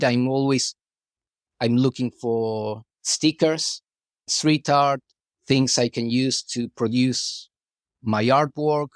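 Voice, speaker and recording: In a casual interview, a middle-aged guest artist from Argentina talks in a medium-pitched voice with an Argentine Spanish accent, Spanish being his native tongue. He keeps restarting phrases and dropping in "you know." The recording is clean studio sound with no room noise.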